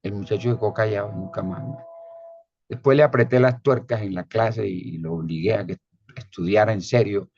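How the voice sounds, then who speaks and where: A man's voice: lowish voice, fairly quick, vocal fry, a little mellow. A man giving a conversational lecture as a former theology teacher, often ending his points with tag questions. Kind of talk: spoken lecture. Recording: dull lo-fi recording.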